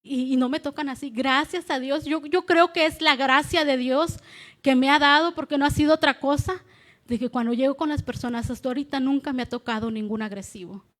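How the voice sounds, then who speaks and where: High-voiced woman giving testimony. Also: brisk. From Mexico. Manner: animated storytelling, laughs often. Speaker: church member giving testimony. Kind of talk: church testimony. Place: church meeting hall.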